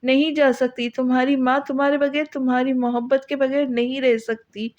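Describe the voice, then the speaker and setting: A woman's voice: sits high, level tone, darkish tone, muffled recording, close to an everyday voice. A woman voicing a grieving elderly mother who pleads and cries out to her daughter. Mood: pleading. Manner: pleading, crying out.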